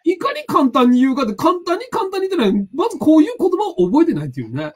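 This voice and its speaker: A man's voice: extremely high pitch, huge pitch swings, fast talker, noisy background. A man with a Tsugaru dialect accent, hosting a casual live-stream chat as a lecturer, rambling and hunting for words with lots of fillers. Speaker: host, personality psychology lecturer.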